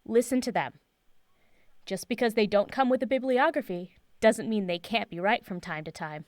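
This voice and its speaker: Actress as Professor Van Helsing, brisk and dry-miked. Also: female voice, mid-range voice, no echo, natural voice. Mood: assured, instructive. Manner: assured, instructive, decisive. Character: brisk, confident professor, mentor to a former student. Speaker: actor in audio drama. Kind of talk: naturalistic audio drama acting.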